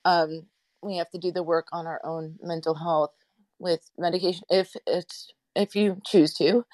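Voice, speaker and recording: Direction: woman therapist on phone speaker, low-pitched. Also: a little mellow, dry recording. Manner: rambling, many fillers and restarts. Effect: talking on phone speaker. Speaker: therapist and radio show host. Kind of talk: casual live audio-room panel chat.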